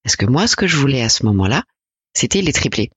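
A woman in her forties from France, a podcast guest talking reflectively and hesitantly about her life, with many pauses and fillers. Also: rumbling low, very animated, slightly rough, no echo. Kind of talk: personal interview conversation.

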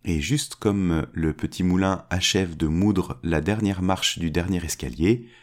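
A man reading a fairy tale aloud as a storyteller, changing his pitch to give each character a voice. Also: unhurried, darkish tone.

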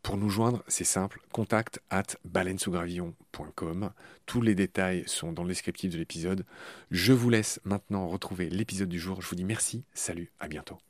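A man's voice: deep voice, moderate pace, no echo. A man hosting a podcast and interviewing a guest in a friendly, curious way. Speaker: podcast host. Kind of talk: casual interview.

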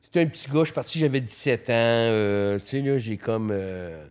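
A man in his late fifties with a Quebec French accent tells his stories in casual, lively interview chat. He swears freely, stumbles into quick restarts, and speaks at an ordinary middle pitch. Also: smooth. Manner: animated storyteller, frequent swearing and stammered restarts. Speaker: photographer guest.

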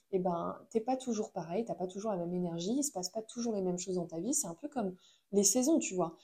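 Chatty French woman, mellow voice. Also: mid-range voice. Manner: chatty, frequent fillers, addresses listener directly. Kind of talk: casual motivational talk.

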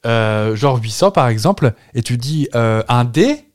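A man's voice: medium pitch, lively intonation, a little slow, dry recording, studio quality. A man co-hosting a podcast, chatting casually and making jokey wild guesses. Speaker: podcast co-host. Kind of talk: casual banter.

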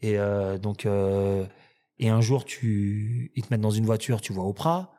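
A French man telling rambling, animated stories in casual conversation, with many restarts. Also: on the low side, a little slow. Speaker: restaurant owner and guest. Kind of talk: casual storytelling chat.

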